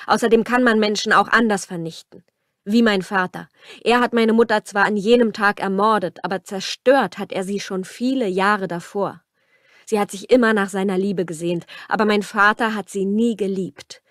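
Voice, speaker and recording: A woman's voice: medium pitch, moderate pace, a bit bright, dry recording, clean studio sound, natural voice. A woman voicing a brooding, cold young man. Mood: intense. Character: brooding young male rancher, cold and harsh. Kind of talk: audiobook character reading.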